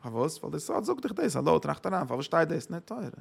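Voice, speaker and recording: A man gives a Torah lecture in a somewhat high, gravelly voice. He poses rhetorical questions and answers them himself, slipping English words into his explanations. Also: big pitch swings, fast talker.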